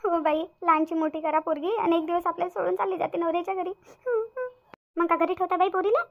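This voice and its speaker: Lady doing a very high-pitched chatty village auntie, bossy but comforting, muffled. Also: fast talker. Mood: consoling. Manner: chattering, repetitive scolding-consoling. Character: chatty middle-aged village woman, bossy and consoling. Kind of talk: cartoon voice acting.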